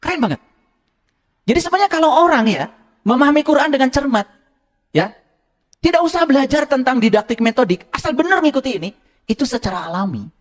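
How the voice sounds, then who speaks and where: A man preaching a sermon to an audience, teasing his listeners with joking asides and leaping up in pitch when he quotes scripture. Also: fast talker, pauses often. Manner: animated, jumping high in pitch for quotes. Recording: hall reverb.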